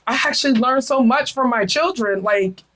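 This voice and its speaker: A woman's voice: a little high, normal speed, fairly bright tone, rough recording. A middle-aged woman hosting a casual spiritual chat, talking earnestly and emotionally, often repeating her phrases. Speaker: podcast host.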